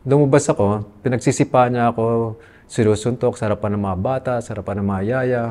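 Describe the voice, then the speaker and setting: Speaking briskly with a medium-pitched, darkish voice and fairly even intonation, a Filipino-accented man gives candid personal testimony in an interview. Earnest and aggrieved, he switches between Tagalog and English mid-sentence.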